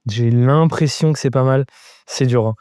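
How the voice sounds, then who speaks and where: Mellow-voiced man teaching drawing live. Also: mid-range voice, moderate pace, smooth, no echo, studio quality. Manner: thinks aloud while drawing, explaining step by step; answers chat viewers casually. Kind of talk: live-stream drawing lesson.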